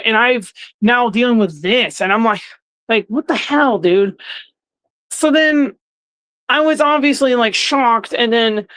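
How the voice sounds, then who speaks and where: Host ranting straight to camera, mid-pitched voice, rambling and indignant, lots of restarts, dry close sound. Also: a bit bright, no echo. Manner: rambling, with frequent restarts and filler words. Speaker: channel host. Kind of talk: personal rant to the camera.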